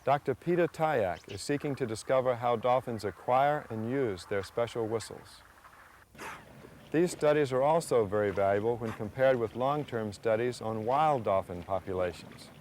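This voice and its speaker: A man reading scripted nature documentary narration in a measured, earnest way. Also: medium pitch, a little mellow, slight background noise. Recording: music under the voice. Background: background music.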